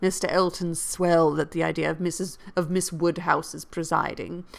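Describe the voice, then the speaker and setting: A woman's voice: sits low, level tone, normal speed, creaky. A woman reading a classic novel aloud, breaking off for chatty asides. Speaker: reader.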